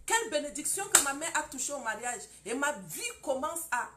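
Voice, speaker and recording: A woman teaching a preaching-style lesson, emphatic and animated, acting out scenes. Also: high voice, fairly quick, very noisy. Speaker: founder of a marriage school for women.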